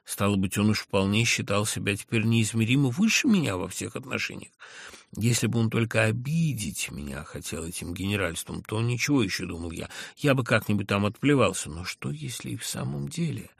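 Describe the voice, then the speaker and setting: Gravelly male reader, very expressive. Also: on the low side, fairly quick, dry recording, studio quality. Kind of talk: literary reading.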